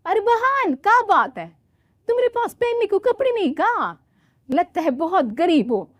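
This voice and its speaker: Casual: woman doing a nosy village aunty, all fake pity, high and swoopy. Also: big pitch swings, normal speed, no room sound. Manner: pitying, condescending.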